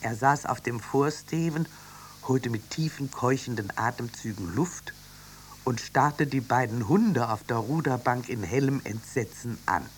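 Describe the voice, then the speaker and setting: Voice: mid-range voice, measured pace, slight background noise. A narrator reading a children's radio story in a vivid, dramatic way.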